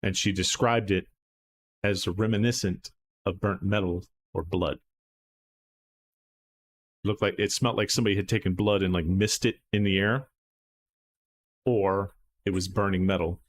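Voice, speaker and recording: A man's voice: low voice, fairly even intonation, normal speed, long pauses. A man acting as game master, recapping a tabletop horror game in a loose, rambling way full of fillers and restarts.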